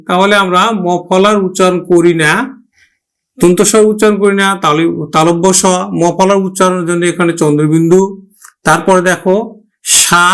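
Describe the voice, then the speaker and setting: A man teaching a pronunciation lesson, addressing students directly, explaining step by step and slowly drawing out example words. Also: sits high, clear, resonant tone. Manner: slow, drawn-out repetition of example words. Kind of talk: Bengali grammar lesson.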